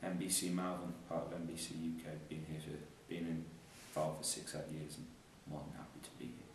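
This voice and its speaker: A man's voice: very deep voice, flat delivery, brisk. An Irish man, a basketball coach, chatting casually and joking about himself as an interview guest. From Ireland. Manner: joking, chatty, self-deprecating. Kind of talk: casual chat. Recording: echoey room, mic far off, faint noise.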